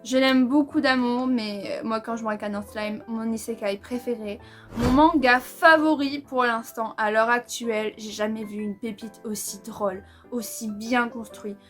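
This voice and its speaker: A woman's voice: fairly high pitch, steady tone, normal speed, faint music behind. A young woman from France chatting casually and enthusiastically in a manga vlog, using a lot of slang. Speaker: manga vlogger.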